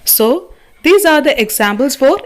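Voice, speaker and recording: A woman's voice: sits high, sing-song, extremely slow. A woman with a Malayali accent giving a patient, step-by-step English grammar lesson over slides. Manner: patient, explains step by step with worked examples.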